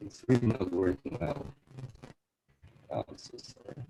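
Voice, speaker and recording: A man presenting over a video call, his voice coming through choppy and dropping out on a bad connection as he apologizes haltingly. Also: on the low side, expressive, vocal fry, dark tone, slight background noise, poor audio. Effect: dropping, choppy audio from a bad video-call connection. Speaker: presenter at an online talk.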